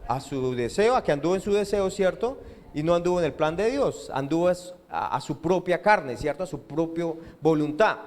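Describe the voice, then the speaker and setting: Animated and at a normal speed, a pastor speaks in a high, somewhat mellow voice with a Colombian accent. He asks the congregation questions and they answer back, all echoing through a church hall with long reverb.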